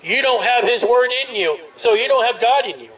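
Recorded from a distance at a crowded street festival, a street preacher with a very high, expressive voice booms through a portable speaker. He is loud and forceful, drawing out hammering phrases amid the ambient noise.

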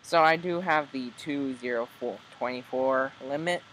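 A man hosting a video, casually commenting with many hesitant ums as he tries out story software. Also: medium pitch, moderate pace, a little hiss or hum, rough recording.

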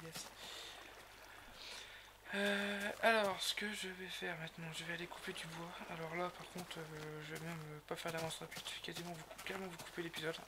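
A man's voice: high-pitched, creaky, noisy background. A man giving casual gameplay commentary as a video host, rambling and hesitant, with many fillers and self-corrections. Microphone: raised gaming mic.

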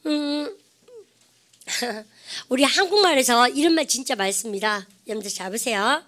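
A woman teaching an English grammar lecture, quizzing her class with lively rhetorical questions. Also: fairly high pitch, moderate pace.

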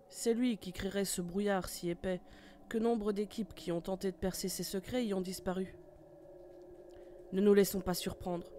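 A woman's voice: medium pitch, a little mellow, a little hiss or hum, close to an everyday voice. A woman voicing a tough female squad leader in an amateur horror audio drama, giving curt, commanding orders. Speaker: team leader.

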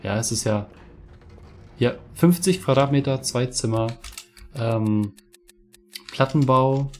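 A young man in his twenties from Mecklenburg-Vorpommern in northeastern Germany speaks slowly in a medium-pitched, darkish voice over soft background music. As a gaming streamer doing casual let's play commentary from a home room with a webcam, he chats into a headset, rants about his game and swears freely.

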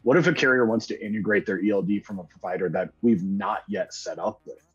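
A man's voice: fairly low pitch, a little fast, husky, lo-fi sound, soft background music. A man in his thirties hosting a company video interview over a video call, upbeat and conversational. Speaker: host.

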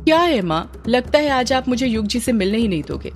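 A woman's voice: fairly high pitch, moderate pace, a little mellow, soft background music, natural voice. A woman voicing a shy, hesitant young woman in her early twenties. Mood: irritated.

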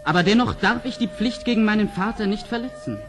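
An actor playing an ardent, courteous young Persian prince in an earnest, declamatory fairy-tale radio play manner, with a husky voice. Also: male voice, sits high, fast talker, over music, natural voice.

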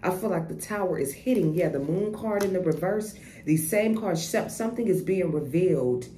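This tarot reader speaks at a normal pace in a warm, fairly low voice with lively intonation. Her casual reading is blunt and full of profanity, with frequent repetition and restarts, recorded in an echoey room with faint noise.

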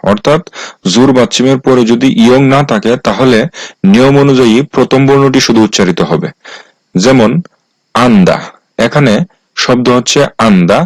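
A man teaching a language lesson, explaining each rule slowly and restating it step by step. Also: mid-range voice, no echo, poor audio.

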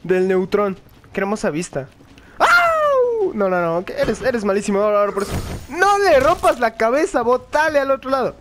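A young man giving excited, joking commentary while he plays a video game, often yelling and laughing. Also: high voice, brisk, background noise. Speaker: gaming video host. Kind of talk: live gaming commentary.

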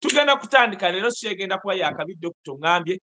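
A Ugandan man in his forties giving emphatic, animated political commentary over a video call from an indoor room. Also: high voice, rapid-fire. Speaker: host. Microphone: video call webcam.

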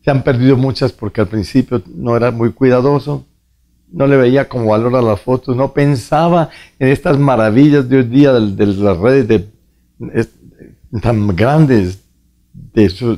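Earnest priest, mellow voice. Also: male voice, mid-range voice. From Colombia. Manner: slow, earnest storytelling, addressing the viewer directly. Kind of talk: preaching testimony.

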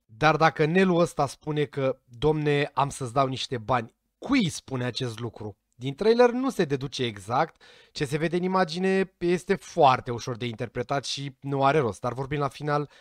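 A man's voice: a little high, expressive, dry recording, studio quality. A man giving casual commentary to his viewers, chatty and speculative, sometimes tripping over names. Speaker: vlogger reacting to a series trailer.

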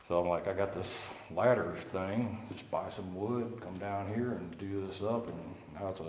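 A man's voice: deep voice, moderate pace, a little mellow. A middle-aged man from St. Louis, explaining a cave site in a plain, matter-of-fact way, recorded by a camera mic. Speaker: cave site worker and guide. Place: large underground cave, echoing. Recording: echoey cave with faint noise.

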